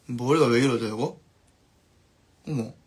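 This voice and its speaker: A man, a band musician, chatting casually on his live stream and reading viewer comments aloud, his sentences trailing off softly at the ends. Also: mid-range voice, unhurried, husky.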